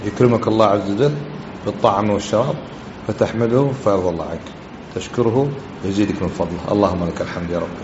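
A man's voice: fairly low pitch, quick pace. A man giving a religious lesson, explaining grammar and quizzing his listeners with repeated questions. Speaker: religious teacher. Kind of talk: classroom lesson on hadith and grammar. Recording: echoey hall, dull lo-fi, faint hiss.

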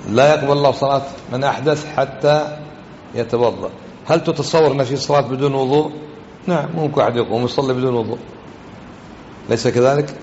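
A religious teacher with a medium-pitched, slightly mellow voice explains grammar during a lesson on hadith, repeatedly questioning his listeners. The sound is dull lo-fi with faint hiss and the echo of a large hall.

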